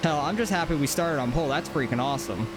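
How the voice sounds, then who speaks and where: A man's voice: a little high, fast. A man giving casual, informal live commentary while sim racing, thinking aloud as he drives. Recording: engine noise behind voice. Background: racing game car engine.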